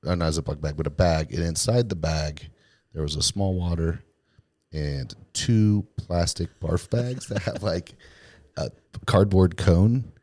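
Low-voiced man telling a rambling story. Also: a little slow, darkish tone, no room sound. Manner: rambling, filler-heavy, laughs through the story. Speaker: podcast co-host. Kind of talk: casual storytelling chat.

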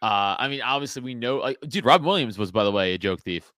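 Comedian guest on a podcast: a man with a sharp, bright tone, swearing freely, close and dry on the mic. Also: mid-range voice, expressive, quick pace, dry recording. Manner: profane, blunt, laughs often. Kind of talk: casual podcast chat.

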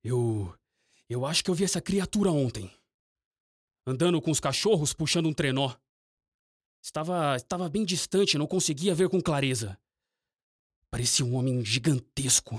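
An actor playing an earnest Arctic explorer leading an expedition in a radio drama. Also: male voice, fairly high pitch, animated, normal speed, long pauses, dry recording, clean studio sound. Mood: concerned. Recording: clearly noisy background ambience.

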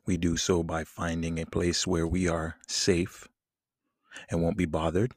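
A man with a low-pitched voice leads a guided meditation at a very slow pace. He is soothing and leaves long pauses between phrases. Soft plucked guitar music plays behind his closely recorded, dry voice. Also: level tone, no room sound.

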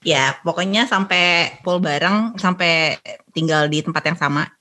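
A woman guest on a podcast, talking in a chatty, relaxed way with many fillers. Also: on the low side, a little slow. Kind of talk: casual conversation.

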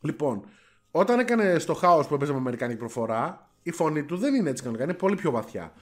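A man's voice: on the high side, sing-song. Emphatic opinionated man. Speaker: podcast guest. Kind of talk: casual chat about films.

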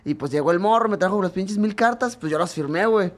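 Fast-talking Mexican man, high voice. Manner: profane, rambling, tags nearly every phrase with a slang filler. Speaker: guest, fighter. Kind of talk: casual storytelling among friends.

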